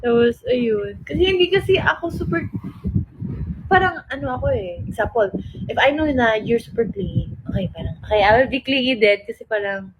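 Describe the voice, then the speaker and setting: A woman's voice: fairly high pitch, expressive, moderate pace, a little hiss or hum, poor audio. A young woman in casual chat, rambling and switching languages as she tells a story, sometimes close to tears. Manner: rambling, code-switching, self-described overthinker. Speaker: live stream host.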